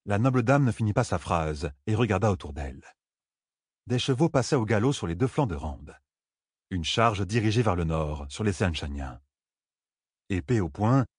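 A man reading a fantasy audiobook aloud with measured, dramatic delivery. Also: fairly low pitch, breathy edge, dry recording, studio quality. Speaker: audiobook narrator.

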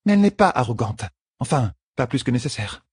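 A man voicing a poised, teasing young queen in an audiobook, with a husky tone and composed delivery. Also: mid-range voice, big pitch swings, a little fast, a little mellow, no echo, studio quality, voice pushed up. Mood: earnest. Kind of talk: audiobook character voice.

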